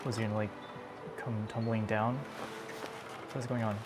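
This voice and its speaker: A man giving casual, excitable, slangy commentary while playing a video game. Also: fairly low pitch, normal speed, heavy background noise. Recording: music behind the voice. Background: game music.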